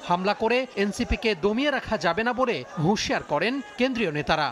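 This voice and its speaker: A man reporter narrating a news report voice-over in a steady, formal way. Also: high voice, fast talker.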